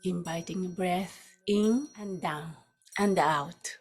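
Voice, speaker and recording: A female meditation teacher with a lowish, breathy voice leads a guided meditation. She speaks very slowly and softly, unhurried, leaving long pauses between short phrases.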